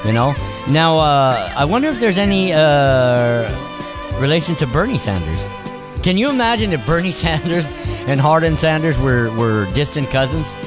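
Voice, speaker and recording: A man co-hosting a radio talk show, rambling and joking with plenty of filler words. His pitch jumps around a lot as he riffs. Faint music sits underneath. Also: sing-song, moderate pace. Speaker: radio co-host. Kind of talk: casual radio banter.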